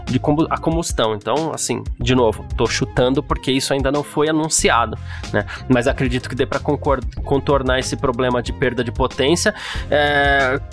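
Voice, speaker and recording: A man with a Brazilian accent co-hosting a podcast, casually answering listener messages and thinking out loud as he explains. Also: medium pitch, a little fast, soft background music. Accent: Brazilian Portuguese. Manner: explains at length, hedging and speculating aloud. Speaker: podcast co-host.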